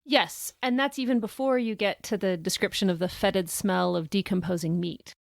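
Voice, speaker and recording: A woman's voice: medium pitch, moderate pace, creaky, dry recording, clean studio sound. A woman co-hosting a podcast, talking through a short story in a thoughtful, casual way and reading quotes aloud. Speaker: podcast co-host. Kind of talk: casual book discussion.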